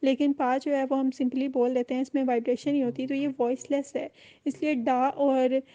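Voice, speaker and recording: High, even-toned woman lecturing. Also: normal speed, muffled recording. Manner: explains in mixed Urdu and English, repeats key phrases. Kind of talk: recorded online lecture.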